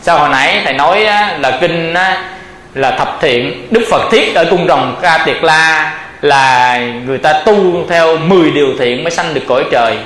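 A man who is a Buddhist monk, giving a lively dharma talk with rhetorical questions and frequent laughter. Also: a little high, moderate pace. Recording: echoey room.

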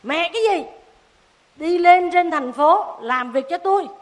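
A woman's voice: high-pitched, lively intonation, measured pace. A woman doing a bossy rich city lady. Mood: scolding. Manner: bossy, curt. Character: stern rich city woman, cold and commanding.

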